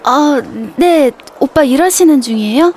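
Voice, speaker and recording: Shy, high-voiced young woman. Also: unhurried, darkish tone, slight background noise. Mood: shy, hesitant. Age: young adult. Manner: timid, hesitant, polite. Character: shy, flustered young woman, earnest and polite, in love. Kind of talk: romance audio drama acting with inner monologue.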